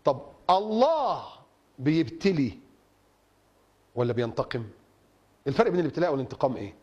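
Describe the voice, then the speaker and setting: A man preaching in an Egyptian Arabic accent, emphatic and repetitive, asking rhetorical questions and reciting verses slowly. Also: mid-range voice, animated, warm tone, slightly rough, lo-fi sound. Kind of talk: sermon.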